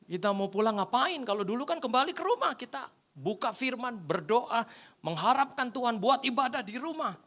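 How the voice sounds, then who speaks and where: A man's voice: extremely high pitch, moderate pace. A male pastor preaching a humorous sermon, telling a story and acting out the voices in it. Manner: animated, acts out the voices in his anecdotes. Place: church.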